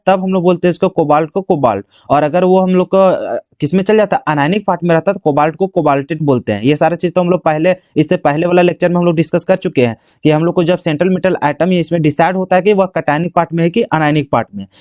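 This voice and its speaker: A man's voice: high voice, a little mellow, dry recording. A man teaching a chemistry lesson for board exam prep, constantly asking the class questions and answering them himself. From Jharkhand, India.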